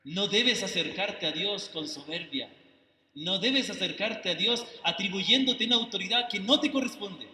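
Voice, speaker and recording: A Chilean missionary man preaching a sermon, earnest and pleading, often asking if he is understood and rising to forceful rebuke. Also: high-pitched, lively intonation, moderate pace. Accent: Chilean Spanish. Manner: earnest, pleading, asks "do I make myself understood?"; emotional, rises to forceful rebuke. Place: church sanctuary. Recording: echoey hall, voice from far off.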